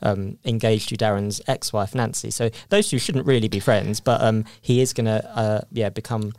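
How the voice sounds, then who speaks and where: A man's voice: on the low side, steady tone, moderate pace, a little mellow, dry recording, studio quality. A man chatting casually on a podcast about soap operas, talking through stories with lots of fillers and restarts.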